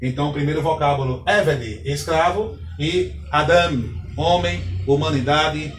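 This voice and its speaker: A man's voice: fairly high pitch, unhurried, background noise. A man teaching a Hebrew lesson at a whiteboard, explaining patiently and checking in with his students often. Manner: patient, explanatory, frequent "tá ok, pessoal?". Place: classroom with a whiteboard. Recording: echoey room, mic at a distance, faint ambience.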